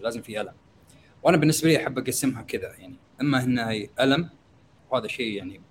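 A young man with a Gulf Arabic accent explaining conversationally as a guest expert, hesitant and pausing as he thinks aloud. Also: mid-range voice, a little hiss or hum. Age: young adult. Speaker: guest expert in startup marketing.

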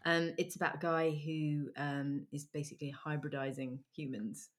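Giggly chatty woman, lowish voice. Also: steady tone, normal speed. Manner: chatty, giggly, trails off with ums. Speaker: podcast host. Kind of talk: casual chat about music.

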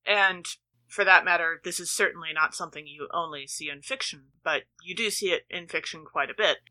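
Woman, podcast co-host, reads scripture, very bright, forceful, lowish pitch. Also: a little fast, low-quality recording. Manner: introduces and reads the passages. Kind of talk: casual chat and scripture reading.

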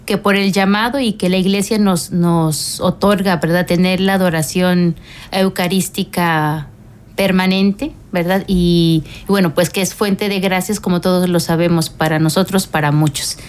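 A middle-aged woman, a religious sister, speaking calmly and explaining at length in a radio interview, with frequent pauses and fillers. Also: fairly low pitch.

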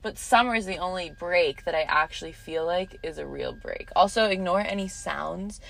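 A young woman co-hosting a casual podcast, talking in a relaxed, reflective way with plenty of "like". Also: fairly low pitch, normal speed, gravelly. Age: young adult. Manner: relaxed, reflective, filler-heavy. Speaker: podcast co-host. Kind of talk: casual chat. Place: quiet street.

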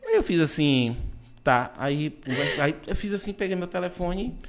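Animated Brazilian man telling stories. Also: high voice, measured pace. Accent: Brazilian Portuguese. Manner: animated storyteller, emphatic, many restarts. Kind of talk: casual opinion chat.

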